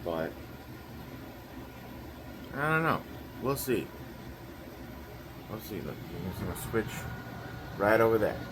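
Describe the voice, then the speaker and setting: Against background noise, a young man with a fairly low, slightly nasal voice talks through his plans for the day's vlog. The chat is casual and rambling, packed with fillers.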